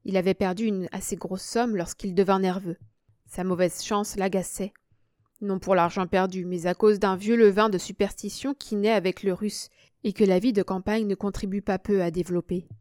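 A woman's voice: mid-range voice, steady tone, moderate pace, a little mellow, no room sound. Woman reading a story aloud, dry and close. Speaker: reader. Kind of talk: audiobook narration.

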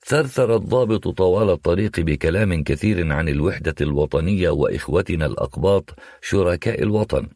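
A man with a very low, deep voice reading a first-person novel aloud. His delivery is measured and reflective, recorded close and dry with no room echo. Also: a little mellow. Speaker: audiobook narrator. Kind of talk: scripted first-person narration.

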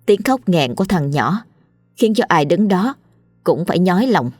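A woman storyteller narrating a scripted ghost story in a steady, grave way. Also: on the low side, moderate pace, dry recording, studio quality, faint music behind.

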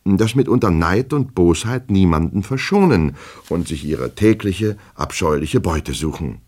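A man's voice: deep voice, lively intonation, unhurried, a little mellow, voice pushed up. A man voicing a nervous, fawning official who stammers and pleads, in an audiobook reading. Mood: pleading. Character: nervous, fawning male official, anxious and flustered.

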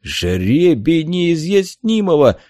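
Man doing an excitable old helmsman. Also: fairly high pitch, takes it slowly, no echo, studio quality, pitched above the performer's own voice. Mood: astonished.

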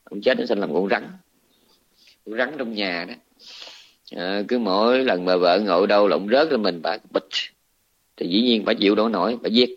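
A man with a Southern Vietnamese accent, a Buddhist monk giving a dharma talk, retelling a scripture story in a colloquial, animated way. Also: on the low side, normal speed, long pauses, slightly rough. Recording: dull lo-fi recording.

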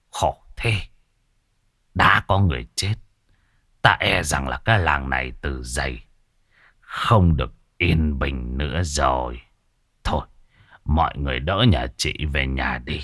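A man's voice: extremely low pitch, animated, slow, long pauses, sharp tone, no room sound, studio quality, voice pushed down, exaggerated voice. A man voicing a grim older male village exorcist, muttering heavily.

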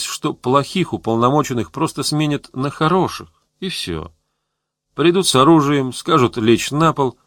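A man narrating an audiobook in a measured, steady reading voice. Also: mid-range voice, no echo, clean studio sound. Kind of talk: scripted narration.

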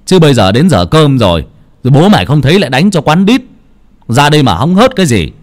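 Audio storybook: narrator doing a gruff village man, barking and scolding. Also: on the low side, wildly swooping pitch, normal speed. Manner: gruff, shouting when scolding.

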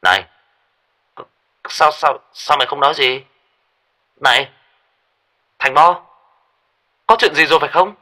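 Guy doing a loud jumpy buddy, bright punchy tone, storybook audio. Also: medium pitch, fast talker, long pauses, husky, pitched above the performer's own voice. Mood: alarmed. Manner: loud, jumpy, stammers when shaken. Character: brash excitable young male buddy.

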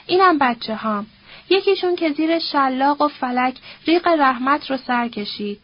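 A woman's voice: sits high, expressive, no room sound, dull audio. A woman voicing a bitter, scornful old nobleman who curses and quotes proverbs in a sneering, coarse, grumbling way.

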